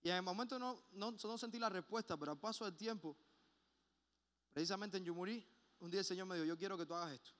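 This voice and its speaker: A man preaching a sermon in a church, passionate and emphatic, at times dropping to a quiet personal tone. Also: high voice, quick pace. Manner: impassioned, swings between loud emphasis and hushed personal asides. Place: church sanctuary. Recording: long hall reverb.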